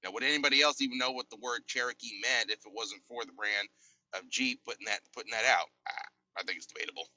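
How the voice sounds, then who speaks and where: A man's voice: mid-range voice, fast talker, bright, forceful tone, poor audio. A man co-hosting a podcast, giving his opinion in casual chat and hesitating with many fillers and restarts. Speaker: podcast co-host. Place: in Oklahoma.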